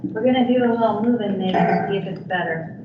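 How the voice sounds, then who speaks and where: A woman at a school board meeting running a brisk, practical sound check. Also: medium pitch. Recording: very echoey room, tinny far-off mic, hiss.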